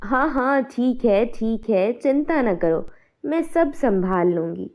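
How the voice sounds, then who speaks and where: A woman's voice: fairly high pitch, animated, slow pace, a little mellow. A woman voicing an anxious, emotional village wife and mother in a cartoon. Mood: coaxing. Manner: pleading, emotional. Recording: dull, muffled sound.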